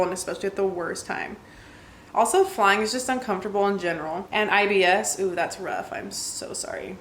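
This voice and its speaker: A woman's voice: mid-range voice, a bit bright. A woman in a chatty vlog reads stories aloud and reacts to them, laughing easily and dropping "like" into every sentence. Her voice bounces around an echoey room, with a faint hum of ambience behind it. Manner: chatty, laughs often, many "like" fillers. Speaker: vlogger reading viewer stories. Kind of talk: casual vlog chat, reading aloud.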